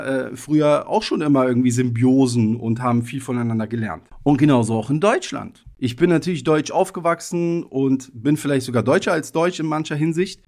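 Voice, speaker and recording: Reflective man hosting a podcast. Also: mid-range voice. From Germany. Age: 30s. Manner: thoughtful, personal, loose with frequent hedging fillers. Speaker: podcast host. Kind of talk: casual reflective monologue.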